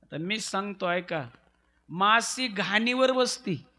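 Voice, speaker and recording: Male preacher, very high voice, bright and forceful, slow, calls on the crowd to answer. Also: lively intonation. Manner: calls on the audience to answer back; teasing, conversational. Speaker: devotional preacher. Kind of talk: devotional story sermon.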